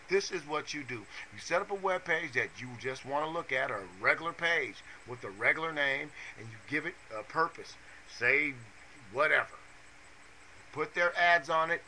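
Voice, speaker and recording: A man ranting fast and insistently into his webcam, repeating his instructions and swearing now and then. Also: medium pitch, pushed and bright, slight background noise, poor audio. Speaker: vlogger giving money-making advice. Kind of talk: fast angry webcam rant. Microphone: webcam mic.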